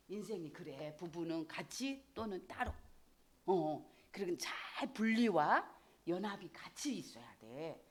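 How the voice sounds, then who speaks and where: Older woman, parent-class lecturer, fairly low voice, very lively pitch, chatty, acts out dialogue. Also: husky. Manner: acts out parent and child lines with big pitch swings; brisk, chatty, drops her voice for asides.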